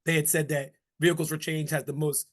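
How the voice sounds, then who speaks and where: Presenter: raspy man, middle-aged, upbeat and folksy, higher-pitched. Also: flat delivery, brisk. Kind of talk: webinar presentation.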